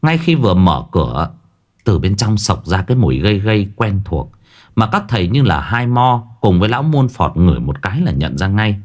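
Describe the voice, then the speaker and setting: A man's voice: on the low side, very animated, moderate pace, darkish tone. A man narrating a horror story with dramatic storytelling.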